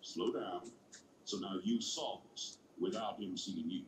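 A stern male school principal from a video game. He speaks low, with measured authority and suspicion. The sound is roomy, with faint noise. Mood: measured, skeptical.

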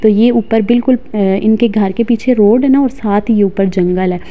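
A woman in her thirties from Pakistan chats and reminisces while strolling a mountain village, using plenty of fillers in her vlog narration. She speaks at normal speed in a medium pitch, and the phone, held at arm's length, gives lo-fi sound.

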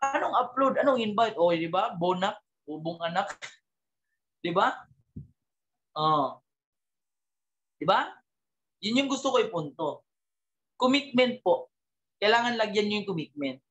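Animated man giving a motivational talk. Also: sits high, measured pace, long pauses, dull audio. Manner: animated, keeps asking the audience rhetorical tag questions; mixes English words into his talk. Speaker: speaker at a business team gathering.

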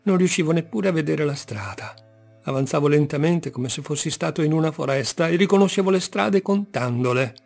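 A man narrates a literary tale in a theatrical reading, his fairly high voice carrying a gravelly rasp. He sinks into near-murmurs, then surges into loud, forceful outbursts. Soft music plays faintly behind him. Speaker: audiobook reader.

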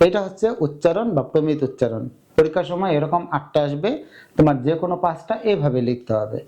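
High, mellow-voiced male teacher. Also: lively intonation, fast talker, highs cut off. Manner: explains step by step, asks students questions and answers them. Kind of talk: exam-prep grammar lesson.

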